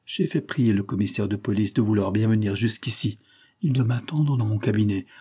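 A man's voice: on the low side, fairly quick, mellow, breathy edge. A man voicing a stern, indignant middle-aged banker who speaks in a raised, vibrant voice. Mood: furious.

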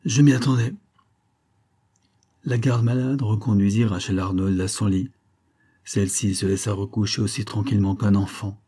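Reading a classic novel aloud, this male audiobook narrator sounds measured and expressive. His voice is on the low side and carries a breathy edge.

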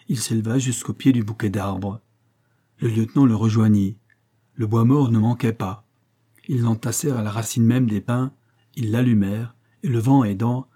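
A man reads an adventure novel aloud in scripted audiobook narration, measured and dramatic. His voice is husky and mellow, with a warm, relaxed tone. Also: fairly low pitch.

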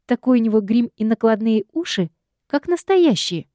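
A woman doing a squeaky nervous younger sister. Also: big pitch swings, moderate pace, mellow, no room sound, studio quality. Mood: meek chatter. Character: flustered young woman, meek chatterbox sister.

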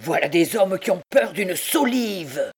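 A woman's voice: on the low side, moderate pace, gravelly, pitched above the performer's own voice. A woman playing a brash bandit king. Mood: commanding. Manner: loud, commanding outbursts. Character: brash male king of the truands, bossy.

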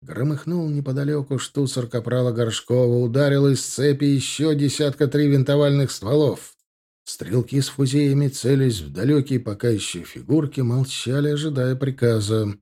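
In a mid-range voice, a man narrates an audiobook from a script. His storytelling is steady and measured.

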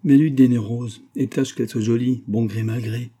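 A man's voice: mid-range voice, steady tone, moderate pace, dark tone, close to an everyday voice. A man reading a classic novel aloud, voicing a proud and stern middle-aged aristocratic mother who scolds her daughter. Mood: haughty. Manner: haughty, scolding.

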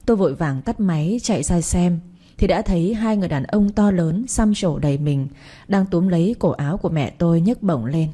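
Low, breathy woman narrating a story. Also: expressive, a little fast, warm tone. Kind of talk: first-person story narration.

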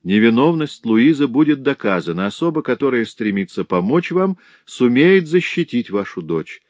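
Man doing a gentle reassuring gentleman, slightly raised voice, measured, audiobook. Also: medium pitch, sing-song, no echo, voice pushed up. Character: calm, compassionate nobleman comforting others. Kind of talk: audiobook character voice.

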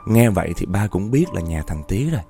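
A man tells a horror story, speaking straight to his listeners with drama. His voice is low and mellow, moving up and down a lot, with faint music behind. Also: lively intonation, fairly quick, vocal fry. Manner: addresses listeners directly, dramatic.

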